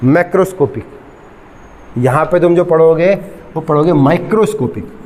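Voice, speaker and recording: A middle-aged man teaching a physics class, mixing English terms into his lecture, regularly checking whether students follow, and slowly dictating definitions. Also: a little high, a little mellow, long reverb tail, slight background noise. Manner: asks students frequent check questions, mixes English terms.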